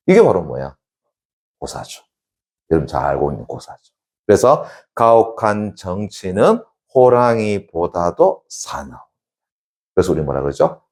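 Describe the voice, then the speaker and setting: Male teacher, very low gravelly voice, husky, lively storytelling, keeps checking in. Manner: constantly checks in with students, answering himself; animated storytelling, sound effects. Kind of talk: Korean classics lecture, storytelling.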